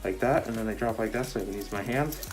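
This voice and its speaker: A man's voice: on the low side, quick pace, faint music behind. A man in a casual show-and-tell, his voice muffled through a full-face costume mask. He rambles loosely with many fillers and is short of breath. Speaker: vlogger showing his costume.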